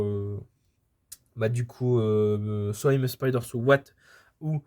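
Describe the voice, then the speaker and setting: A man's voice: mid-range voice, a little mellow. A man chatting casually about his manga purchases, rambling with many hesitations and restarts, filming at home. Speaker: manga collector vlogger. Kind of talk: casual haul video chat. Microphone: camera filming books, speaker off-frame.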